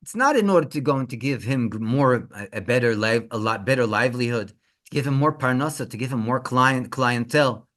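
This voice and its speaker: A male rabbi telling a story in an animated, halting way, often repeating words. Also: mid-range voice. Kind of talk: storytelling talk.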